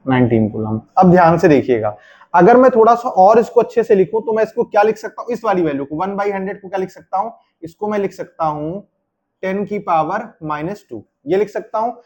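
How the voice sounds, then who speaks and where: High-voiced man teaching chemistry. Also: expressive, brisk, a little mellow. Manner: explains step by step, asks and answers his own questions. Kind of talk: classroom lecture.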